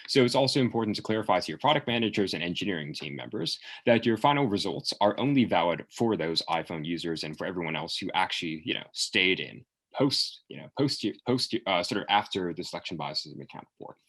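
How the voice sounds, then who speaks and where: A man answering interview questions as a candidate, explaining in a hesitant way as he thinks aloud, with a husky voice. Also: low-pitched, lively intonation, fast, hardly any pauses, fairly bright tone. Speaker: candidate in a mock job interview.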